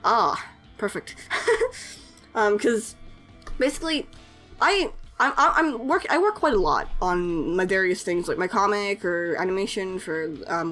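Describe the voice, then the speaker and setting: Her voice is medium in pitch and a touch bright as this young artist and animator chats in an informal voice-over while she edits. She comes across as hesitant, with frequent fillers and self-conscious chuckles.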